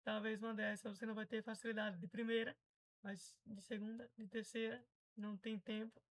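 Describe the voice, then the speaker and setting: A woman's voice: on the high side, flat delivery, fairly quick, poor audio. A Brazilian woman teaching English pronunciation in a casual, chatty way, patiently explaining and repeating example words.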